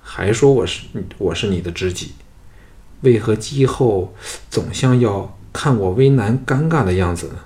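A man reading the lines of a wary young male adventurer in a plain, measured voice. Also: lowish voice, expressive, darkish tone.

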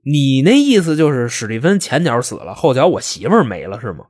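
A man voicing a grieving, enraged husband who shouts, swears and defends himself. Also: medium pitch, very animated, fairly quick, husky. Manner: wailing, shouting, swearing, then pleading his innocence. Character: grieving then furious middle-aged husband.

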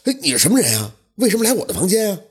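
A man's voice: sits high, sing-song, rapid-fire, husky, pitched above the performer's own voice, heavily acted. A man voicing a blunt, righteous laborer. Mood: earnest. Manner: blunt, earnest.

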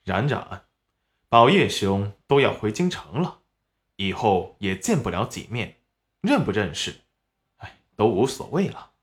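A narrator voicing a gentle but quietly menacing young nobleman in an audiobook, speaking low and soft. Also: very animated, unhurried, pauses often. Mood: gentle, veiled. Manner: soft, low, smiling threat.

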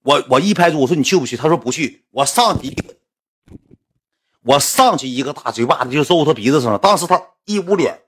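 A young man with a Northeastern Chinese accent, casually telling a story about his school days, getting animated and climbing high in pitch when worked up. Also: a little fast, breathy edge.

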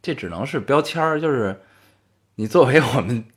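Beijing man with lively, swinging intonation. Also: medium pitch, normal speed. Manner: colloquial, swears casually. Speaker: radio show co-host. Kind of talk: casual chat.

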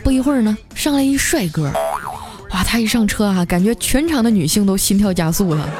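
A woman host narrating a funny everyday story in a playful, animated way. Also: mid-range voice, brisk, music in the background. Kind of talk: comic bedtime story narration.

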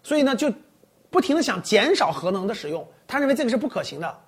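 A woman talks through a list of forecasts in loose, chatty commentary, giving her own verdict on each point. Her voice is slightly husky, and her pitch rises and falls in a lively way. She comes across as opinionated, adding her own take with restarts and fillers. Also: fast. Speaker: finance commentator.

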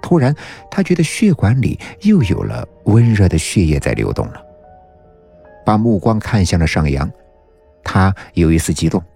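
A man narrating a novel in a deep, low voice with a husky grain. His delivery is steady and measured, and faint music plays underneath. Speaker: audiobook narrator.

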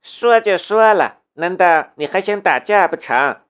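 A man voicing a bold, sharp-tongued young woman. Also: high-pitched, animated, unhurried, pitched above the performer's own voice. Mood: mocking. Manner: sharp, taunting retorts.

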